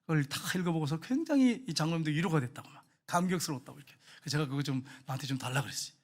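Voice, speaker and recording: Male pastor, sermon, high voice, rapid delivery, emphatic then hushed storytelling. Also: expressive. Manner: emphatic preaching, dropping to quiet storytelling; addresses the congregation directly, repeating points.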